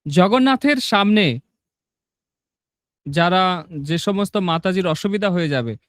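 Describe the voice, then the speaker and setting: A man's voice: high-pitched, lively intonation, unhurried, no echo, clean studio sound. A man teaching a devotional class, explaining rules and then reciting a long list of sacred names, often checking that listeners understand. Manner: instructive, asks "understood?" often. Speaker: religious teacher.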